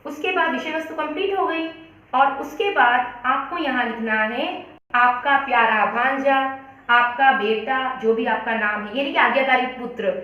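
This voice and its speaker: A woman's voice: high-pitched, normal speed, bright, forceful tone. A woman, a teacher explaining letter writing step by step and calling her students beta. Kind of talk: Hindi letter-writing lesson. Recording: very echoey, dull lo-fi room.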